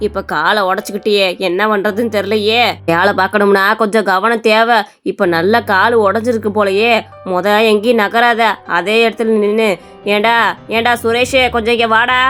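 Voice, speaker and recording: A woman's voice: medium pitch, fairly even intonation, moderate pace, fairly bright tone, faint music behind, lightly acted. A woman voicing a stern but kind male quarry boss in a cartoon story, who scolds and then reassures. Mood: scolding.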